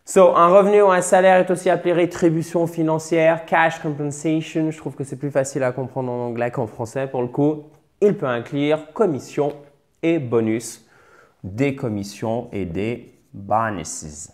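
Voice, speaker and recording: A man's voice: fairly high pitch, normal speed. French man teaching English vocabulary. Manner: explains patiently, repeats words to drill stress. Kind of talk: bilingual vocabulary lesson.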